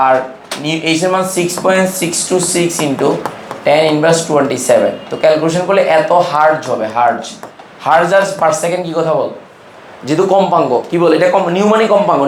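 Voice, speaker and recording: A Bangladeshi chemistry teacher with a slightly high voice keeps testing his class with quick questions, his tone informal and brotherly. The room is echoey, and there is slight background noise.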